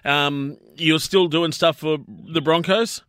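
Aussie radio host guy, matey casual interview chat, bit higher voice, very dry studio sound. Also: steady tone, takes it slowly, a bit bright, clean tone, no echo. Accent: Australian. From Brisbane, Australia. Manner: matey, colloquial.

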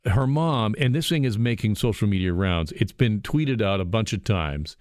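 A man's voice: lowish voice, lively intonation, moderate pace, a little mellow, no echo. A man hosting a radio talk show from a studio booth, chatty and jokey. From Canada. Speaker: radio host. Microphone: studio microphone.

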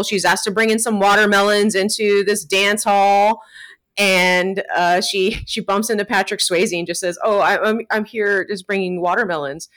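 A woman co-hosting a podcast, telling a story in a casual, animated way, laughing often and swearing freely. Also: medium pitch, clear, resonant tone. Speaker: podcast co-host.

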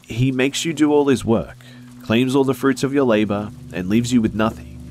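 A man narrating a horror story voices a frail young mother who speaks gently and pleadingly. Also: medium pitch, moderate pace, faint music behind, voice pushed up, lightly acted.

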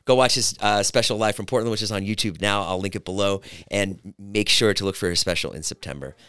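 A man's voice: fairly low pitch, a little fast, a bit bright, smooth, dry recording, clean studio sound. A man hosting a podcast, chatting casually and plugging his guest's work. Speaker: podcast host.

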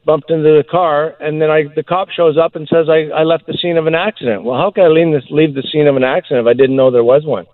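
A man's voice: a little high, fairly even intonation, quick pace, hardly any pauses, no room sound. Sex: man. Role: radio call-in caller. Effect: speakerphone call. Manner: rambling, puzzled, self-correcting. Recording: tinny phone line, dry. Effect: heard over a speakerphone call. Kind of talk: casual phone-in storytelling.

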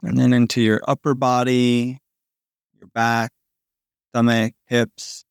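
A man narrates as if telling a sleep story, guiding relaxation in a soothing, unhurried way. His mid-pitched voice sits in a very dry recording, with long pauses between phrases. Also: flat delivery, creaky, clean tone, dry recording. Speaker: podcast host guiding a sleep meditation.

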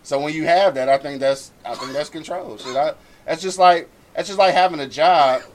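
A man's voice: fairly high pitch, normal speed. A man talking casually in a group discussion, using informal, profane slang.

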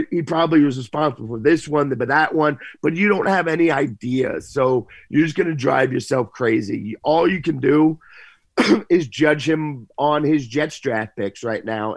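A man giving casual sports analysis on a podcast, halting as he thinks aloud. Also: a little high, no echo.

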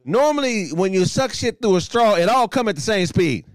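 Animated, ranting male comedian. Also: high-pitched, normal speed. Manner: animated, incredulous rants with profanity and bursts of laughter. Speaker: comedian podcast host. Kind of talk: comedic podcast riffing.

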